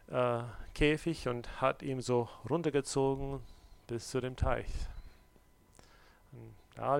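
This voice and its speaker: A man preaching a sermon, swinging between loud, urgent exhortation and quiet, close address, with direct questions to the listener. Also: mid-range voice, gravelly, a little hiss or hum. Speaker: pastor.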